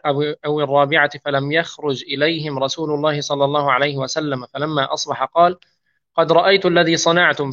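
Male reader, measured hadith recitation, slightly raised pitch, muffled lo-fi recording. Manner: steady measured recitation with small restarts. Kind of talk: reading hadith narrations aloud.

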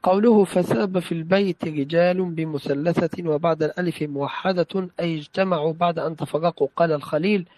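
A man's voice: a little high, brisk, few pauses, a little mellow, no room sound, rough recording. A man reading a classical text aloud in a study session, carefully reciting and repeating phrases when corrected.

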